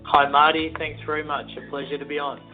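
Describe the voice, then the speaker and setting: A man answering interview questions as a company founder, speaking in a relaxed, hesitant way with many "uh"s. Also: a little high, a little fast, soft background music. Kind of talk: phone interview. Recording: tinny phone-line sound.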